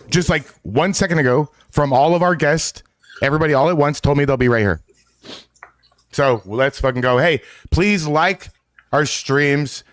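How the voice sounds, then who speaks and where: A man's voice: on the high side, fairly bright tone, no echo. A man co-hosting a casual livestream panel, talking in a rambling, upbeat way full of swearing. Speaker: stream co-host.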